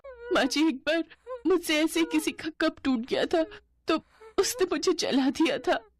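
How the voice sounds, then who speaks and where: A woman's voice: very high voice, lively intonation, unhurried, voice pushed up. A woman voicing a timid, anxious young bride in a cartoon story, pleading and stammering nervously. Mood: frightened.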